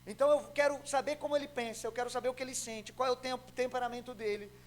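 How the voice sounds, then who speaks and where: A young adult man from Brazil preaching a sermon as pastor, telling a story with acted-out dialogue and swinging between loud and soft. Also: very high voice, steady tone, quick pace, rough recording. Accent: Brazilian Portuguese.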